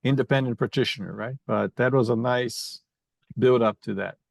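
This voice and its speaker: Man, from Brazil, fifties, vet podcast guest, gravelly, dry sound, halting with restarts. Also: mid-range voice, no room sound. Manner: halting, repeats words while thinking. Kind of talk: conversational interview.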